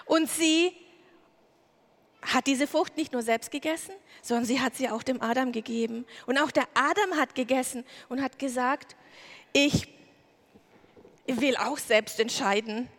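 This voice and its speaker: A woman's voice: sits high, moderate pace. A woman preaching a sermon, retelling a Bible story vividly and acting out the characters' lines. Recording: long hall reverb.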